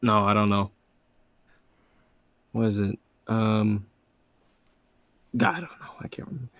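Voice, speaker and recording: A young man co-streaming a game, chatting quietly and joking. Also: fairly low pitch, lively intonation, measured pace, no room sound. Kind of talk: casual chat.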